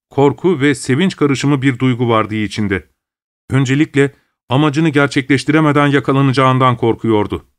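A man narrating a story as an audiobook, in a steady, even manner. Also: medium pitch, dry recording, clean studio sound.

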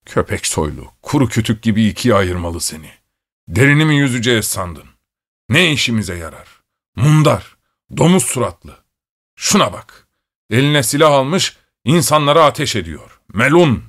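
A man voicing a rough, hungry soldier who growls, scolds and curses. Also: low-pitched, lively intonation, normal speed, few pauses, no room sound, clean studio sound. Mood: gruff, cursing.

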